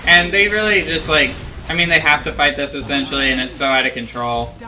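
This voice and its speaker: A man's voice: on the high side, fairly even intonation, brisk. A young man giving casual, self-critical commentary over his own match footage, rambling with lots of ums and likes, drowsy and yawning. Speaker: gameplay analyst.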